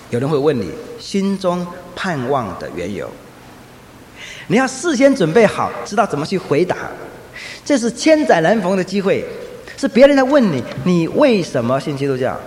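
A man preaching a sermon, telling lively anecdotes and acting out the voices of people in his stories. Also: high-pitched, moderate pace. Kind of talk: sermon with storytelling. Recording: echoey hall, faint ambient noise.

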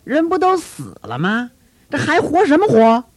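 A man's voice: high-pitched, sing-song, normal speed, no echo, voice pushed up. A man doing a sneering Roman governor. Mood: mocking. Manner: mocking, curt, rising sarcastic questions. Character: scornful impatient Roman governor, middle-aged man.

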